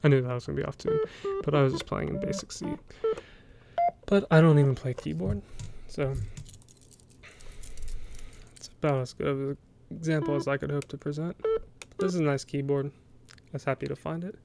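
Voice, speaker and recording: An American man hosting a soft-spoken ASMR show-and-tell, talking in a casual, rambling, hesitant way. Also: fairly high pitch, normal speed, gravelly, pauses often, noisy background. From United States. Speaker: ASMR video host.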